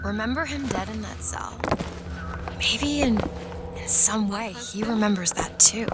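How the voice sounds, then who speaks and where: Woman acting earnest young companion, mid-pitched. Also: a little slow, heavy background noise, lightly acted. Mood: concerned.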